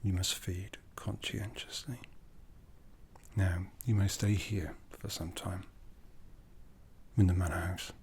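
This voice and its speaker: A man plays an aloof, commanding aristocratic vampire in an ASMR roleplay, half-whispering in a breathy, seductive way. His low, darkish voice stays calm and measured, slow and deliberate, with fairly even intonation. There's slight background noise.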